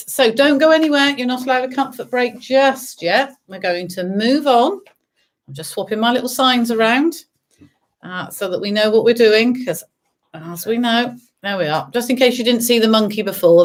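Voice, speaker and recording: A woman's voice: fairly high pitch, normal speed. A woman working as a bingo caller, hosting an online game with sing-song, repeated number calls and chatty, teasing asides to the players. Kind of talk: bingo calling with traditional rhyming number calls and chat to players.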